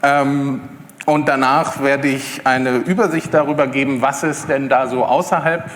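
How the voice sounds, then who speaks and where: A man's voice: mid-range voice, steady tone, a little slow, fairly bright tone, a little hiss or hum. Man giving a talk in an echoey hall. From Berlin. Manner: hesitant, many fillers and restarts. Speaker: conference speaker. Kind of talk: live tech talk. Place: lecture hall with audience. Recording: echoey hall with long reverb.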